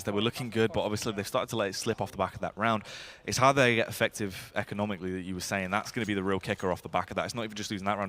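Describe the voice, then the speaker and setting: A man commentating live on a shooter match as an esports caster, excitable and urgent as play unfolds. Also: on the low side. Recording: gunfire and game noise behind voice. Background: shooter game gunfire and clicks.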